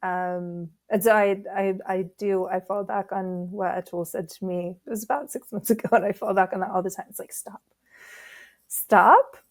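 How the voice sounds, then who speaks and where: A woman's voice: mid-range voice, fairly even intonation, fairly quick, hardly any pauses, darkish tone. A woman hosting a podcast, telling a story in casual conversation and laughing often. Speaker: podcast host.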